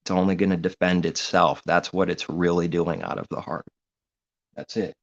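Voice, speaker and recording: A man with a very deep, gravelly voice preaches informally in an earnest, rambling way. The recording is dull and muffled, with a low-fi edge. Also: steady tone, normal speed. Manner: earnest, rambling, grows heated. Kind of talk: informal religious monologue.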